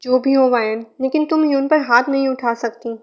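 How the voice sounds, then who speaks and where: Young father in a fanfic reading, played by a woman; scolding, high-set, muffled recording. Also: steady tone, normal speed, natural voice. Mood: angry. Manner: voices an angry scolding then a soft coaxing tone. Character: adult man, angry then tender father. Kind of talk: fan fiction reading.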